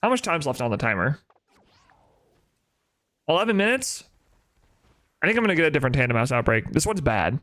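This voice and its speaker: A man's voice: mid-range voice, very animated, very fast, few pauses, fairly bright tone. A young man, chatting casually on a live stream, opinionated and answering his chat with rhetorical questions. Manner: opinionated, talks back to chat with rhetorical "right?".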